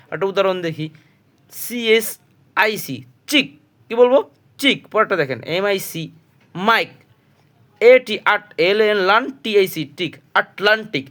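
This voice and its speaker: A man with a Bangladeshi Bengali accent gives a spoken English pronunciation lesson, his voice sitting a little high. He works patiently and repetitively, spelling words letter by letter. He poses a question to the class and then answers it himself. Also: lively intonation, moderate pace, sharp tone. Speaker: English teacher.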